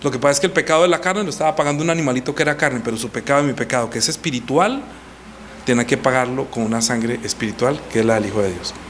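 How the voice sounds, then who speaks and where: A man teaching a baptism class as a pastor, animated, reading scripture aloud and voicing quoted lines. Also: fast, a little hiss or hum. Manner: animated, rises high for quoted voices, reads scripture aloud. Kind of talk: teaching sermon.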